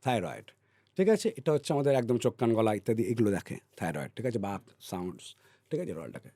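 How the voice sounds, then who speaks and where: A man on a podcast explaining ideas at length in a teacherly way, often checking in with his listener and trailing off softly on repeated words. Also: on the low side, expressive, quick pace, no echo. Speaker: podcast guest.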